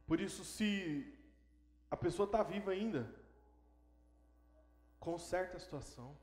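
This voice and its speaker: Man, pastor, emphatic sermon, high voice, echoey church room. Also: lively intonation, a little slow, a little mellow. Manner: emphatic preaching, repeats words for stress.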